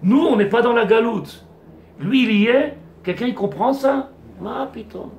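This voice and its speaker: High-voiced rabbi teaching in an echoey room. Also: male voice, unhurried, darkish tone. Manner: digressive, rhetorical questions to the class; mixes Hebrew terms into French. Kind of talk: Torah class. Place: classroom with a small audience.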